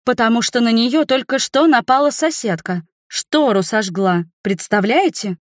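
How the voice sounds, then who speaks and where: Woman voicing a cheeky young air mage girl, high and quick, pushy, dry close audiobook sound. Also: no room sound, close to an everyday voice. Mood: bubbly, pushy.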